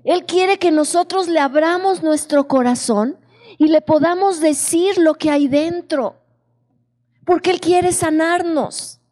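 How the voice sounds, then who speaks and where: A woman delivers a sermon in a high, mellow voice, speaking slowly and often asking her listeners questions. Her voice rings with the long echo of a large hall. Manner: slow, questioning the congregation. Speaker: preacher.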